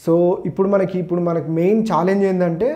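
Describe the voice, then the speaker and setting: A man teaches exam preparation in a quick, slightly high and soft-edged voice. He has a Telangana Telugu accent and freely mixes in English words and phrases. His walkthrough is informal and explanatory, stepping from point to point. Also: fairly even intonation. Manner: explanatory, repeats "okay, so" as a linking phrase.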